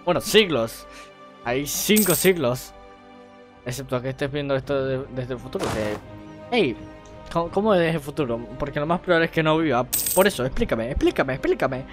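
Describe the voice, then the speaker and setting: A man's voice: mid-range voice, expressive, moderate pace. A man from gives playful, rambling let's play commentary full of jokey asides. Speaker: gaming YouTuber. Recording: music playing under voice.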